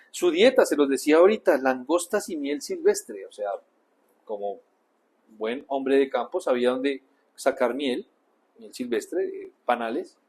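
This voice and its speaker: A man with a Colombian Spanish accent preaching a sermon in church, in a conversational way that swings between loud emphasis and quiet asides. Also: mid-range voice, slightly rough. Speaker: pastor.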